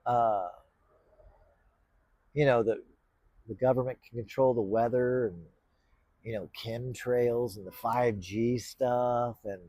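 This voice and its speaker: A man's voice: mid-range voice, steady tone, slow, long pauses, warm tone, dry recording. A man hosting his own channel, talking casually to the camera in a rambling, hesitant way with many fillers and restarts. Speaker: podcast host. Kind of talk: casual vlog talk to camera.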